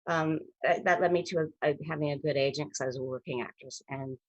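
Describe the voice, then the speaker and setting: Husky low-voiced woman telling stories. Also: fast talker, no room sound, highs cut off. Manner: rambling, self-interrupting, animated anecdotes. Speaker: actress, interview guest. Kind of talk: casual storytelling interview.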